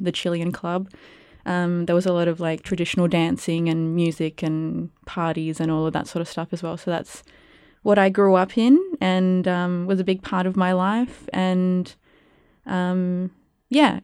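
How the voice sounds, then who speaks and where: In a relaxed interview, a young arts curator and producer from Perth, originally a Spanish speaker, thinks aloud through her answers, peppering them with ums and likes. She has a fairly low, darkish, smooth voice, captured as clean studio sound without room echo.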